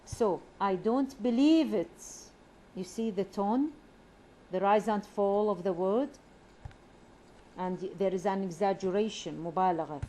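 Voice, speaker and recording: A woman's voice: medium pitch, fairly even intonation, moderate pace, long pauses, warm tone, rough recording. Arabic speaking woman teacher going over english answers, slips into arabic to explain, slight background hiss. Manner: reads examples with exaggerated rise and fall, switches into Arabic glosses.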